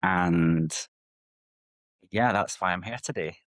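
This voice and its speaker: A man's voice: sits low, slow pace, fairly bright tone, no echo. A Scottish man from the west coast, a psychotherapist speaking openly and reflectively about his own past as a guest on an interview podcast. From Scotland. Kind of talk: candid personal interview.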